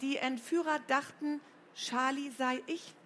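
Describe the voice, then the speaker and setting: A woman reading a storybook, voicing a cheeky, quick-tempered schoolgirl from a pirate family who talks brisk and defiant. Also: sits high, fairly even intonation, a bit bright, a little hiss or hum, voice pushed up. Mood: defensive.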